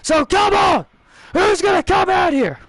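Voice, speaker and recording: A man voicing a brash male wrestler who shouts boastful trash talk at a crowd in a video game promo. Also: very high voice, expressive, measured pace, dry recording, voice pushed up, heavily acted, rough recording. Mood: taunting.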